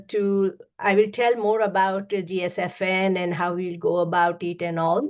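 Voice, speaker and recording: A woman hosting an online meeting on a video call, speaking politely and thankfully with many fillers. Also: fairly low pitch. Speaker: meeting host.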